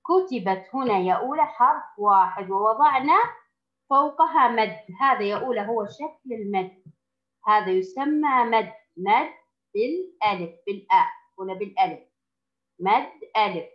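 A woman teaching first graders, who speaks slowly and patiently, stretches out the sounds she teaches and praises the class often. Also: mid-range voice, animated, muffled recording. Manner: slow, patient, drawn-out sounds with frequent praise. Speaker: primary school teacher. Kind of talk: recorded classroom lesson for young children.

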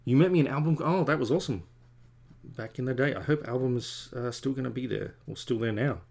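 Drawing at home in his studio, a man in his forties who makes comics keeps up a rambling, self-deprecating chat with stream viewers. He speaks in a mid-range voice, a little fast, with vocal fry and a slightly mellow quality.

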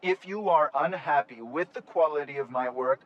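A man voicing a weary robot security guard in a video game, speaking in a slightly robotic, flat and unenthusiastic way as he recites company rules. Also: on the high side, moderate pace, muffled recording, a little hiss or hum, close to an everyday voice. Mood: officious. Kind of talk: video game character dialogue.

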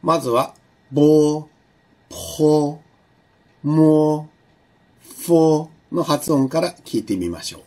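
A male university lecturer giving a recorded online lesson, explaining patiently with many fillers and slowing down to demonstrate sounds. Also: a little high, sing-song, husky.

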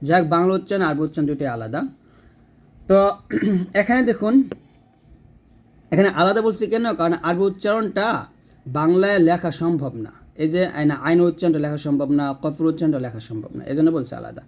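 A man's voice: on the high side, fairly quick, long pauses. A man teaching Quran reading in a spoken lesson, patiently explaining and repeating words. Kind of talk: casual spoken lesson with slow recitation examples.

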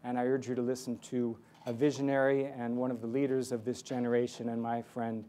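A man's voice: medium pitch, flat delivery, brisk, warm tone, a little hiss or hum. A man in his forties giving a self-deprecating keynote speech from a lectern on a conference stage. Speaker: keynote speaker. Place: large conference hall stage. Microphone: lectern microphone.

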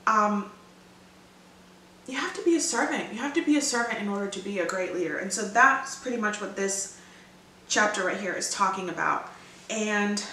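A woman's voice: mid-range voice, pushed and bright, far from the mic, a little hiss or hum. A woman giving a casual, chatty devotional talk, rambling with fillers and restarts. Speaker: devotional vlogger. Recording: roomy echo from away from mic.

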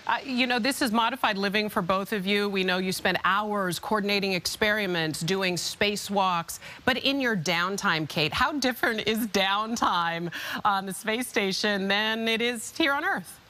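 A woman's voice: medium pitch, moderate pace, pushed and bright. A middle-aged American woman working as a morning TV anchor, interviewing live from a studio on a lapel mic. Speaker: television morning news anchor. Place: TV news studio.

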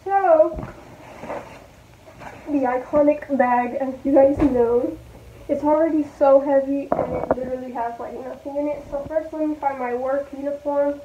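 A woman in her twenties thinks aloud and chats with viewers while packing clothes for a casual vlog, recording on a phone set low on the floor of a small bedroom. Her intonation is fairly even and her pace a little slow. The room is echoey, the sound tinny and phone-like, with slight background noise.

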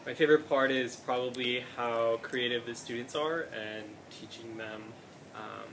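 A man's voice: mid-range voice, fairly even intonation, normal speed, fairly bright tone, slight background noise, rough recording. A man who teaches at a camp, answering an interview thoughtfully, with some fillers.

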